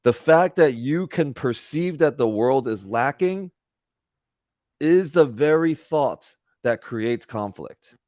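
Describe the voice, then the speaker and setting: A man's voice: mid-range voice, expressive, slow pace, a little mellow, dry recording, studio quality. A man in his thirties hosting a casual spiritual talk over a video call, earnest and chatty and often correcting himself. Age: 30s. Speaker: spiritual group host.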